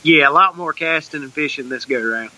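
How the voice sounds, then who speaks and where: A man's voice: on the high side, a little fast, sharp tone, rough recording. A man chatting casually about fishing as an interview guest. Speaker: guest, tournament bass angler.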